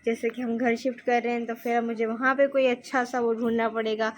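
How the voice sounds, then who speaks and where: A woman's voice: a little high, flat delivery, fairly quick, a little hiss or hum. A teenage girl telling a rambling, giggly storytime in a casual vlog. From Pakistan. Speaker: vlogger.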